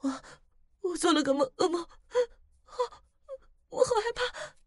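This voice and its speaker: A woman's voice: mid-range voice, steady tone, moderate pace, a little mellow, breathy edge, no echo, close to an everyday voice. A woman voicing a frightened young girl who stammers and sobs as she tells a ghost story. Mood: terrified sobbing. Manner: stammering, sobbing.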